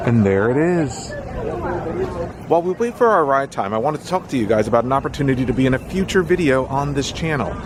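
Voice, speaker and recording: A man hosting a theme park vlog, talking casually to his viewers outdoors. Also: mid-range voice. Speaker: theme park vlogger and channel host. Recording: noisy outdoor amusement park ambience.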